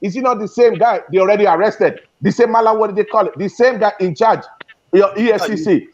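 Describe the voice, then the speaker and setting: A man with a notably high voice argues with passion, tripping over and repeating his words as he pushes his point. The audio is dull and lo-fi. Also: fairly quick, a little mellow. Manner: passionate, repeats and restarts phrases. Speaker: guest speaker in an online discussion. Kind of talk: heated debate.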